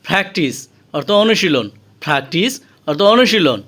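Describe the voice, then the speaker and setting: A man with a Bangladeshi accent teaching English vocabulary, saying each word slowly and repeating it with its meaning. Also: a little high, big pitch swings, noisy background.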